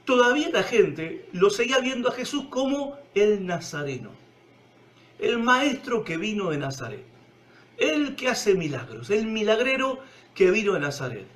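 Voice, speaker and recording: A man with a Rioplatense accent preaching a sermon, emphatic, swinging from loud cries to hushed low tones. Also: very animated, normal speed. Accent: Rioplatense Spanish.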